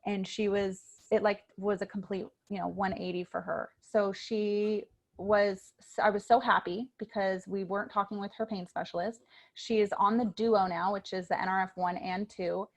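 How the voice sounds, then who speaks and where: A woman in her thirties, a registered nurse, telling an earnest, animated personal testimonial on a group call. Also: mid-range voice, moderate pace.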